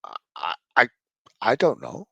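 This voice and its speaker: A man's voice: medium pitch, huge pitch swings, unhurried, creaky, bright, forceful tone, breathy edge, no echo, highs cut off. An English man in his late forties giving mocking reaction commentary, sarcastic and sweary. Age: late 40s.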